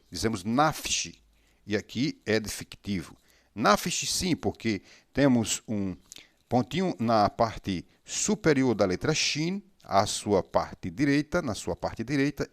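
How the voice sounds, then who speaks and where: A man teaching Hebrew reading step by step. He is patient, sounds out syllables slowly and keeps checking in with the listener. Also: lowish voice, very animated, no room sound, clean studio sound.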